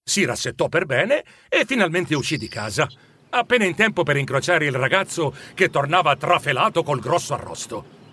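A man narrating a children's storybook in an expressive, animated way. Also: fairly high pitch, moderate pace, slightly rough, no echo. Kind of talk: storybook reading.

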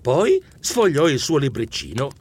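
A man narrating a children's story with lively expression, squeaking when excited. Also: a little slow, husky. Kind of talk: animated audiobook narration.

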